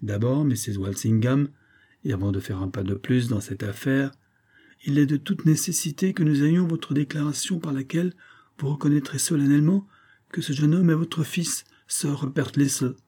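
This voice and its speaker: A man's voice: on the low side, normal speed, warm tone, husky. A man reading the part of a scheming middle-aged major, insistent and coaxing.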